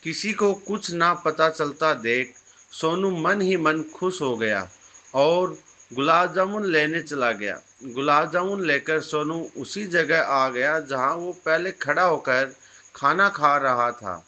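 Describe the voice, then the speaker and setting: A man calmly narrating a scripted moral story. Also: fairly high pitch, slow.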